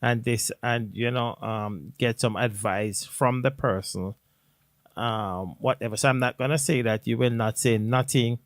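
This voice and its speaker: A man talks slowly and thoughtfully in a casual live-stream chat, often pausing on fillers and restarting his sentences. The recording is dry and close. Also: mid-range voice, fairly even intonation, no echo. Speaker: co-host.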